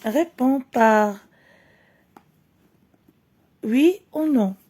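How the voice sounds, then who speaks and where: A Moroccan woman teacher reads a French lesson text slowly and clearly, then explains it quickly in Moroccan Arabic. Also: high-pitched, lively intonation, dark tone. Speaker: primary school French teacher. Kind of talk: reading lesson, slow read-aloud with explanations.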